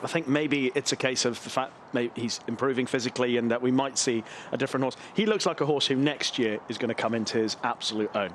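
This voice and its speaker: A man's voice: medium pitch, quick pace, hardly any pauses, a little hiss or hum. A man from the UK talking through a horse's form as a racing analyst in a chatty, easygoing way. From United Kingdom. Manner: chatty, laughs easily. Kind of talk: live broadcast analysis.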